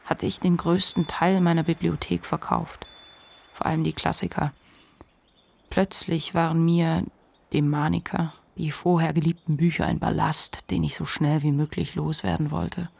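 An actor voices a reflective, ashamed narrator who confides a memoir in a measured, literary radio monologue. His mid-range voice is gravelly and husky, and the performance is heavily acted.

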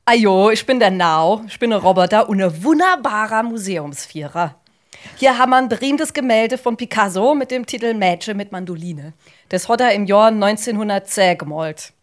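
A woman's voice: mid-range voice, animated, moderate pace, close to an everyday voice. A woman from Mannheim reads out a robot museum guide's text in Mannheim dialect on a live podcast stage, stumbling over long words. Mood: amused reading. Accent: Mannheim dialect (Kurpfälzisch). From Mannheim, Germany. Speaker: podcast editor. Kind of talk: reading a scripted robot text aloud live.

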